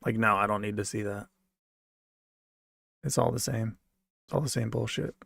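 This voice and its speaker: Speaking at normal speed in a steady, fairly low voice with vocal fry, this American responds casually to viewer comments. His tone is a bit bright and slightly rough, and he wanders and repeats himself; he grew up in a military family that moved around, and the studio audio has no room sound.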